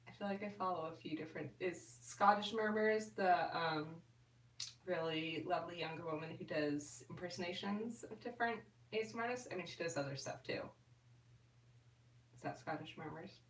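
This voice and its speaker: A woman's voice: on the low side, normal speed, slight background noise. A woman chatting casually on a live stream as an ASMR host, reading and answering viewer comments with fillers. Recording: roomy and distant from the mic.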